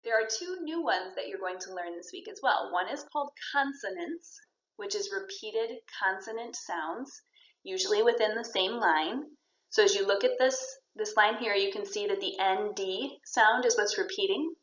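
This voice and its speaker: A woman's voice: mid-range voice, moderate pace, a bit bright. A woman teacher walks her students through a poetry lesson, explaining each point step by step and praising their answers. Her voice carries around a roomy space, and the sound is a little dull and lo-fi. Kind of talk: recorded classroom lesson.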